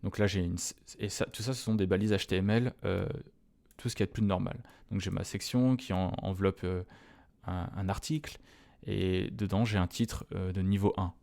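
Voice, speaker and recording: Guy doing a coding screencast, lowish voice, keeps going euh and restarting, relaxed chatty tone, keys clacking behind. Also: normal speed, gravelly. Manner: hesitant, many "euh" fillers and restarts; relaxed and chatty, talks directly to viewers. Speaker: web developer teaching a coding tutorial.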